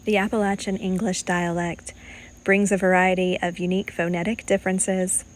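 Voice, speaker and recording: A woman reading scripted documentary narration in a formal, measured manner. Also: lowish voice, little pitch movement. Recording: faint background noise.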